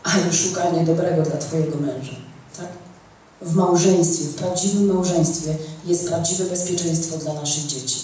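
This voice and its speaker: A woman's voice: fairly low pitch, fairly even intonation, moderate pace, mellow. A woman teaching a church group, stressing her points by repeating phrases and asking "tak?" to check that listeners follow. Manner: emphatic, repeats key phrases, asks "tak?". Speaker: women's teacher. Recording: echoey room, mic far off, faint noise.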